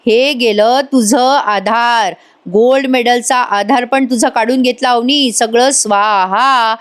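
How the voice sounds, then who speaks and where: A harsh middle-aged father speaks slowly and coldly, stretching his taunts, as a woman narrator puts him on. He sounds unforgiving and mocking, a serial villain of a parent. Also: fairly high pitch, lightly acted. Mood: cold, taunting.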